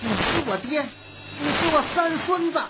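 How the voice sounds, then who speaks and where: Sassy high young courtesan bantering, lady doing her, muffled w/ music. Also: expressive, normal speed. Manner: bantering, sharp-tongued. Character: pert sharp-tongued young courtesan. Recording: dull lo-fi recording with music.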